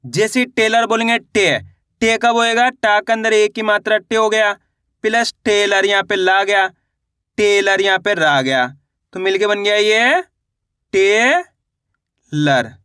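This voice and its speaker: Casting: man, high bright clear voice, patient reading teacher, dry close mic. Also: no echo. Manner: slow, drawn-out syllable spelling with repeated questions. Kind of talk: online reading lesson.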